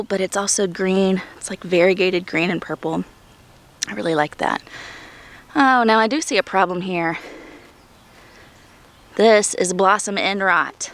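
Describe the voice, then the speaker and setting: A woman's voice: on the low side, gravelly. A woman in her thirties giving a chatty, enthusiastic tour of her backyard vegetable garden, breathing heavily in the summer heat. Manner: chatty, enthusiastic, thinking aloud. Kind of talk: casual garden tour vlog.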